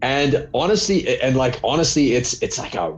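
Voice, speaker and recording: A man's voice: mid-range voice, lively intonation, moderate pace. A man co-hosting a casual wrestling review podcast, rambling with lots of fillers and laughs. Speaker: podcast co-host.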